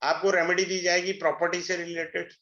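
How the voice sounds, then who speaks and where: A middle-aged man giving an astrology webinar, a persuasive, salesy pitch that mixes Hindi and English. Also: little pitch movement, a little fast, a bit bright. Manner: switches between Hindi and English. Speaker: astrology teacher. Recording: echoey room, dull lo-fi sound.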